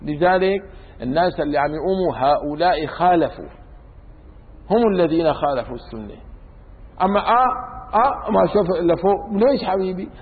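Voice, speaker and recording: A man's voice: high voice, animated, fairly quick. A man teaching an informal religious law lesson, colloquial and teasing with his students. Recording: lo-fi phone-like recording in a reverberant room.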